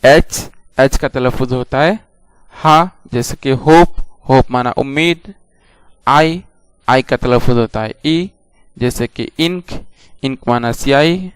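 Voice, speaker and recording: Slow, clear-voiced male language teacher. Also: medium pitch, no echo. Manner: patient, repeats each letter and example. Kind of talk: slow, deliberate classroom instruction.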